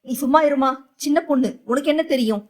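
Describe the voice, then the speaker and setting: A woman's voice: high voice, fast talker, a little mellow, close to an everyday voice. A woman voicing a scheming, pushy middle-aged mother-in-law in an audio novel, pleading emotionally. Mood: coaxing.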